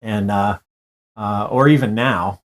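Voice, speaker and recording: A man's voice: fairly low pitch, slow. A middle-aged man co-hosting a casual live online show, rambling with many hesitations and restarts. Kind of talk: casual live-stream chat.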